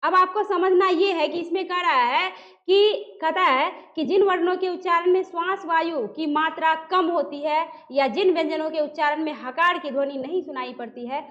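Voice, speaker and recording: A woman's voice: very high-pitched, normal speed, a bit bright. A woman teacher giving a grammar lesson, who puts questions to her students, answers them herself and sounds out letters one by one. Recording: dull lo-fi recording.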